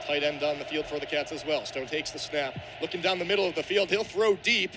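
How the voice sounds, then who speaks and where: Loud crowd-like ambience runs beneath this outdoor stadium radio broadcast, where a young man serves as main play-by-play commentator for live football. He talks fairly quickly in a slightly high, steady voice.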